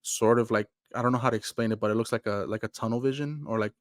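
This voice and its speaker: Laid-back low-voiced man, rambling chat. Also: fairly even intonation, fast talker, no room sound, studio quality. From Mexico. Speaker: podcast co-host. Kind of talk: casual chat.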